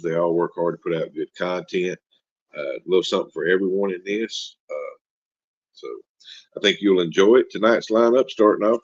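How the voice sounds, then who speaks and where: A man's voice: sits low, a little mellow, dry recording, dull audio. A man hosting a live stream in a casual, folksy, joking way, reading out and answering chat comments. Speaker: livestream host.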